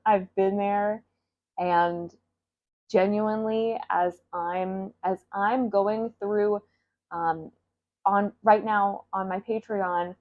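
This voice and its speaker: A woman's voice: mid-range voice, fairly even intonation, takes it slowly. Woman vlogging, chatty and emotional, says a swear here and there, kinda dull audio. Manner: candid, laughing, emotional, swears. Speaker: self-help creator. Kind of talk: casual motivational talk to camera.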